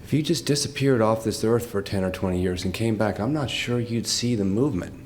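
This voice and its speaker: An older man speaks at a tribute event in a somewhat low voice, moved close to tears. He stops and restarts often, laughing through the emotion. A faint hum of room sound sits behind him. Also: brisk, a little mellow. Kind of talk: heartfelt off-the-cuff remarks.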